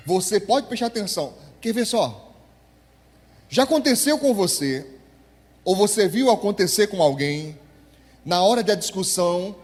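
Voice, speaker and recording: A man preaching as pastor. He draws out key words for emphasis and calls on the congregation to answer him. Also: high-pitched. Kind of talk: sermon. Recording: long church hall reverb.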